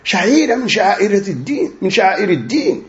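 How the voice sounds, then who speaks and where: Guy with a highish voice teaching a religious lesson, slow and deliberate, keeps tossing in little tag questions, muffled lo-fi audio. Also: big pitch swings. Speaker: religious lecturer translating a sheikh's talk. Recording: dull lo-fi recording.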